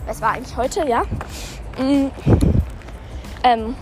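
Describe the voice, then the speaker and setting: High-pitched young woman podcasting while jogging. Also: steady tone, rough recording. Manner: halting, self-correcting, rambling. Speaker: podcast host. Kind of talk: casual spoken podcast monologue. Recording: background music bed. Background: background music.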